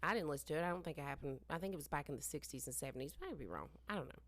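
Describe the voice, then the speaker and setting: A woman chats and tells a story as a podcast co-host, rambling and interrupting herself as she goes. Her voice sits low for a woman. The sound is dry and close to the mic. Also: animated, racing, fairly bright tone, no echo. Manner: rambling, self-interrupting, trails off. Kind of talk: casual chat, storytelling. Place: basement room used as bar and storage.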